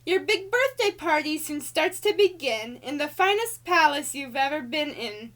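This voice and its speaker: Voicing Alice Angel, a very high-pitched female cartoon angel, a woman reads a bouncy birthday storybook for children aloud. Her sing-song delivery is theatrical, exaggerated and showy, swooping widely through the rhymes, leaning hard on key words and staying expressive at normal speed. The tone is a bit bright and the mood bright and excited.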